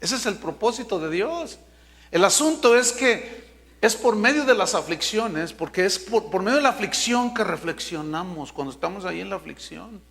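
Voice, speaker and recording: Give me a high-voiced, bright-toned male preacher with a long hall echo. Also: lively intonation, vocal fry. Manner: emphatic preaching, slowing down to stress key words. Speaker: pastor. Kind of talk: sermon.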